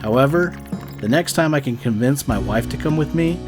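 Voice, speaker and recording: A man narrates a camping vlog in a scripted voice-over at a medium male pitch. Plucked guitar music plays clearly behind his voice. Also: animated, normal speed. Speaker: camping vlogger.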